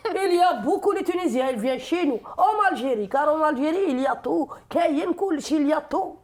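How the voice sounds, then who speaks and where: A woman's voice: high voice, lively intonation, fairly quick, pitched above the performer's own voice. Woman doing a fiery Algerian braggart. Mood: fiery boastful. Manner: forceful, virulent. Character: fiery boastful Algerian man.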